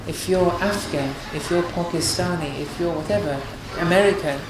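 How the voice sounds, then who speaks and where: A woman's voice: on the low side, moderate pace. A woman giving an earnest religious lecture on marriage, counselling her listeners and often restarting her phrases. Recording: very echoey hall with noise.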